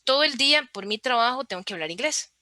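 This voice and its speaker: Female podcast guest, higher pitch, bright tone, clear and teaching-minded, dry sound. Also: expressive, fast talker, no echo. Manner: clear, didactic, explains with examples. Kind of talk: explanatory interview talk.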